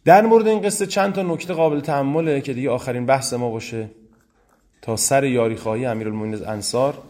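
A man giving a lecture on early religious history. He reads classical Arabic quotations slowly and then explains them in quick, conversational Persian. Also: medium pitch, a little mellow.

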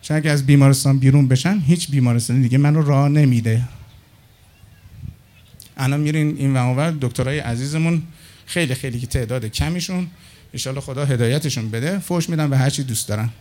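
A middle-aged man telling anecdotes in a casual monologue, acting out the other people's lines as he goes. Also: medium pitch. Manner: animated, acts out dialogue with others in his anecdotes. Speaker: storyteller.

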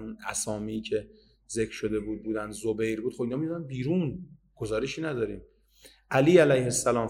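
A man giving a religious history lecture, reading old narrations out slowly and then explaining them in everyday speech. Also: mid-range voice, darkish tone. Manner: reads Arabic narration slowly, then explains in casual Persian.

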